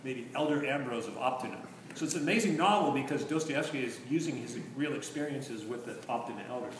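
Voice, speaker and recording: A man giving a conversational, musing lecture to a class, trailing into low asides, recorded from a distant mic in a large room. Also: animated, quick pace. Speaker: teacher. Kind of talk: lecture on literature and faith. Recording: echoey room, distant mic, faint noise.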